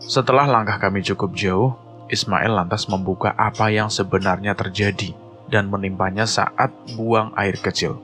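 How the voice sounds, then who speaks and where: A man telling a horror story in measured, suspenseful scripted narration, with music playing behind. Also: lowish voice, fairly even intonation, fairly bright tone.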